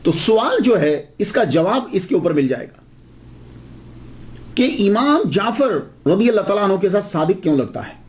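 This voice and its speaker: Lively male preacher. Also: high-pitched, moderate pace. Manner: explanatory, asks and answers his own rhetorical questions. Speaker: Islamic preacher. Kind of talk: religious lecture.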